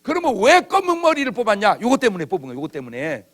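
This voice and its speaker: A man's voice: high voice, wildly swooping pitch, fast, a bit bright. A man preaching a revival sermon in a church, with humor and acted-out bits of dialogue. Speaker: pastor. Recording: old church video.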